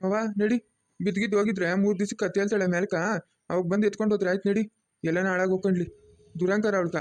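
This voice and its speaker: A man with a rural Chikkaballapur Kannada accent plays a blunt, scolding villager. His voice sits high and his speech runs fast. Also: little pitch movement. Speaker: son-in-law in a family drama. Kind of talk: village web-series acting.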